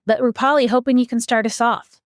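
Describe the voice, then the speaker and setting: A woman's voice: a little high, fairly even intonation, a little fast, dry recording, studio quality. A woman co-hosting a medical education podcast, a physician who walks listeners through a structured roadmap step by step. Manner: organized, lays out a roadmap step by step.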